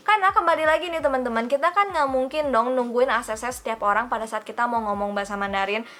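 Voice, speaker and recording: A young woman gives a casual language lesson to her viewers. Her voice sits high and sounds bright and forceful. She chats along, calls herself by her own name and keeps asking rhetorical questions. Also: fast. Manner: chatty, asks listeners rhetorical questions. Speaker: Mandarin teacher.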